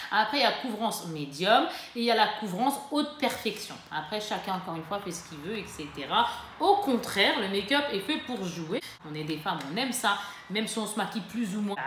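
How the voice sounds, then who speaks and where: A woman chatting casually to camera in a beauty haul, lively and full of fillers and self-corrections. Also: mid-range voice. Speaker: beauty vlogger. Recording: echoey room with faint ambient noise.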